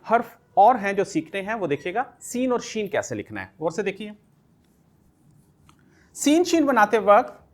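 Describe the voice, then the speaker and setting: Patient man teaching letters to small children. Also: high-pitched. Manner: patient, repeats each letter sound several times; talks through each pen stroke step by step. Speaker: kindergarten teacher. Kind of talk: alphabet writing lesson for young children.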